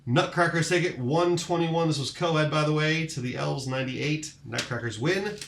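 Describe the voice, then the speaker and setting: A man's voice: on the high side, normal speed, creaky, noisy background. A man hosting a podcast, recapping bouts in casual, enthusiastic chat full of fillers. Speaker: podcast host. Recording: roomy echoing room.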